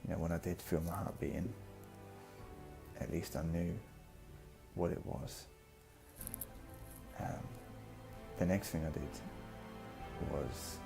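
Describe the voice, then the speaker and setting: Deep, gravelly man telling his story. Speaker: vlogger. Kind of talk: personal vlog monologue, reflective storytelling. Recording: music behind the voice.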